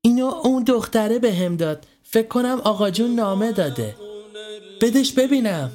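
Man playing a frightened young boy, high voice, anxious, storybook horror. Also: animated, a little mellow, soft background music.

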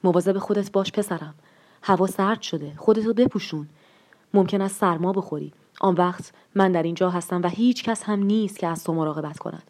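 A woman voicing a bitter, scolding mother of a grown son in a read-aloud story, with a sharp, scolding delivery. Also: fairly low pitch, close to an everyday voice. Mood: fussing.

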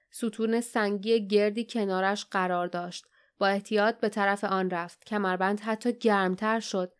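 A woman narrating a fantasy audiobook in a steady, tense storytelling manner. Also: medium pitch, clean tone.

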